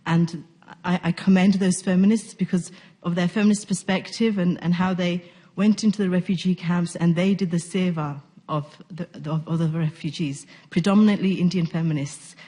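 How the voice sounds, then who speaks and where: A woman's voice: fairly low pitch, fairly even intonation, moderate pace, hardly any pauses, mellow. A woman in the audience asking questions at a conference, polite and a little hesitant. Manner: polite, slightly hesitant, with fillers. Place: university conference room.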